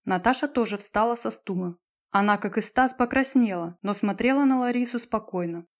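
A woman's voice: on the high side, normal speed. Woman reading a novel aloud. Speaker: narrator. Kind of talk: audiobook narration.

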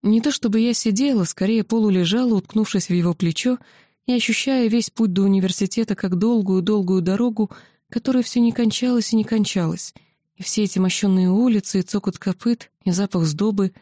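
Женщина читает фэнтези-роман от первого лица: ровная, выразительная подача, мягкий тёплый тембр. Запись сухая, близко к микрофону, без эха. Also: female voice, medium pitch, fairly quick, mellow, no echo, studio quality. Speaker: audiobook narrator. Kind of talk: first-person novel narration.

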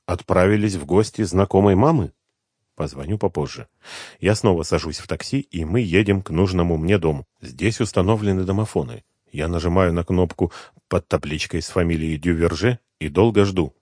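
A man's voice: low voice, a little mellow, no room sound, clean studio sound. A man reading a first-person thriller audiobook in a tense, brooding storytelling manner. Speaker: audiobook reader.

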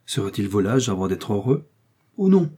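A man's voice: medium pitch, normal speed, mellow, slightly rough, lightly acted. A man voicing a naive, infatuated young chambermaid who talks in eager exclamations. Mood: gossipy.

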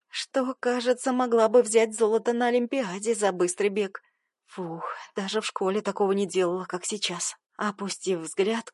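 A woman's voice: mid-range voice, no room sound, clean studio sound. Woman narrating with sarcastic liveliness. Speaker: audiobook narrator. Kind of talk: first-person story narration.

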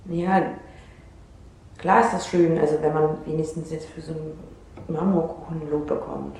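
An actress plays an insecure, unsettled young woman in a naturalistic radio drama, speaking hesitantly and cutting herself off mid-thought. Her low, darkish voice keeps a steady tone at a moderate pace, recorded with a roomy sound and faint noise.

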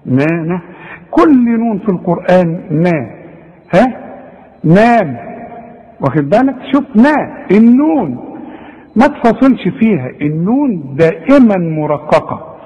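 A man with an Egyptian Arabic accent teaches Quran recitation, pitched high and speaking straight to his student. He corrects mistakes and models each sound himself. A long reverb trails behind his voice. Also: a little slow, long pauses, muffled recording. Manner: animated, addresses the student directly and models the correct pronunciation. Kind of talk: Egyptian Arabic tajweed lesson.

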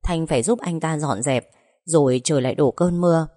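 Woman narrator, calm expressive storybook reading, low mellow voice. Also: a little fast, dry recording, studio quality. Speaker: audiobook narrator.

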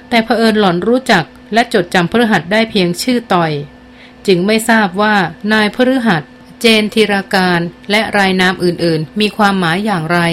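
A woman narrates a novel for an audiobook at a medium pitch, telling the story steadily and slowing down for dialogue. A faint hiss or hum can be heard.

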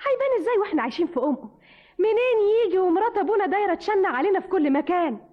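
A woman's voice: very high voice, animated, very fast. An actress in an old Egyptian radio drama playing a young orphan woman desperate to escape, speaking with anguish in an Egyptian accent. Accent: Egyptian Arabic. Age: young adult. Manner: anguished, tearful outbursts. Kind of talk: 1950s radio drama acting. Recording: dull old radio recording.

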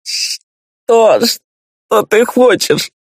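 A crude, terrified male captive, shrieking high and raw. He swears, begs and sobs, his voice husky and wildly uneven. Dry, close audiobook sound. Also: lively intonation, extremely slow, no echo, exaggerated voice. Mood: sobbing. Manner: shrill shrieking, swearing, sobbing.

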